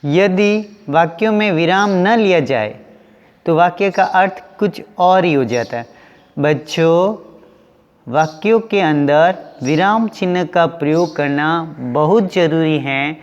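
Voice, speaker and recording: Slow, patient man teaching young pupils. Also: fairly high pitch, big-room sound, dull audio. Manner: slow, repeats questions and answers for young pupils. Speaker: school teacher. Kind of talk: online class lesson.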